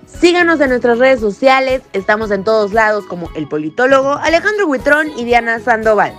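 A woman co-hosting a news podcast, reading headlines and chatting lively with her co-host. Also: a little high, a little fast, faint music behind. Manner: lively, laughs between items. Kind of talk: news read with banter.

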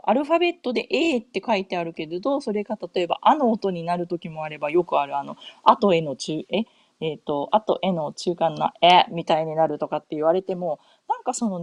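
A middle-aged woman from Japan chats casually as a podcast host, circling through fillers and quick self-corrections. Her pitch swings up and down with lively animation. The recording is dry and close, with no room sound. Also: dry recording. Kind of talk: casual chat. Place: home in North America.

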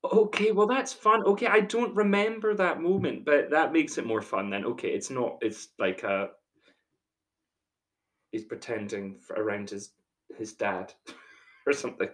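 A man co-hosts a podcast and takes a quiz in casual chat. He talks in a chatty way and often hesitates. His pitch sits in a middle range. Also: measured pace, fairly bright tone. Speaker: podcast co-host, quiz contestant.

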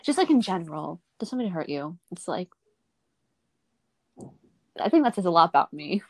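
A woman's voice: fairly low pitch, very animated, a little fast, a little mellow, no room sound. A young woman co-hosting a casual podcast chat, laughing often and trailing off mid-sentence. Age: young adult. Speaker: podcast co-host.

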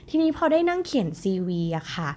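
A woman's voice: high-pitched, sing-song, brisk, a little mellow. A young adult woman hosting a solo podcast, talking chattily and directly to her listeners in a casual, friendly way. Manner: chatty, addresses listeners directly with polite particles. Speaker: podcast host.

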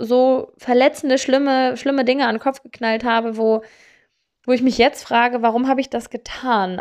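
A woman's voice: on the high side, a little mellow. A young woman telling candid, self-deprecating stories about herself in casual talk, with many fillers and restarts. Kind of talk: casual personal storytelling.

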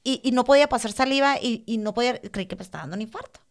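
Animated woman telling a story. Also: fairly high pitch, racing. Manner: animated, repeats words for emphasis. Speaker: podcast guest. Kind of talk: casual storytelling.

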